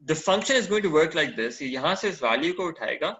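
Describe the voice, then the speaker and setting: Mixing Hindi-Urdu with English, a man walks through a spreadsheet lesson step by step over a screen recording, frequently checking in with short questions. His voice is on the high side, expressive, pushed and bright, at a measured pace. The audio is muffled.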